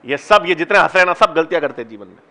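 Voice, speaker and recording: Teacher, male, high bright voice, coaxes students to try answers in a classroom. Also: lively intonation. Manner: coaxing, encouraging students to answer; slow, deliberate when explaining steps. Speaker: biology teacher. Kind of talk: classroom lecture with student questions.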